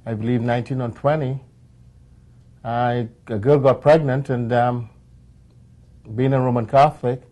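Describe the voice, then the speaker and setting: A man gives a matter-of-fact account in an interview. His voice sits at a middle pitch for a man. The tone is mellow and dark. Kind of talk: candid interview recollection.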